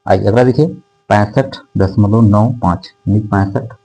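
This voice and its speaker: A man's voice: fairly low pitch, steady tone, warm tone, soft background music, low-quality recording. A male math teacher explaining decimals to a class, reading out numbers digit by digit and checking in with his students again and again. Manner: repetitive, checks in with "theek hai" constantly; dictates numbers slowly digit by digit. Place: classroom with whiteboard.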